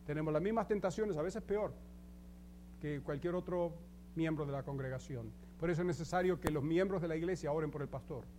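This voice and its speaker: A male pastor giving an emphatic sermon in a high, bright voice. He addresses the congregation directly with questions, and a faint hum lingers in the background. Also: brisk.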